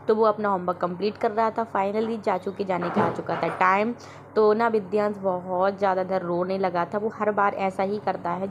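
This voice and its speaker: A woman's voice: mid-range voice, muffled recording, a little hiss or hum. A woman and mother narrating her family's day in a casual, chatty vlog voice-over. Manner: chatty, storytelling about family life.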